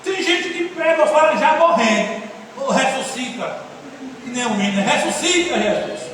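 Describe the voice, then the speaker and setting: A male pastor giving a sermon in a folksy, joking, animated way, recorded from a distance in a church hall. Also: extremely high pitch, normal speed. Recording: echoey hall from far off, faint noise.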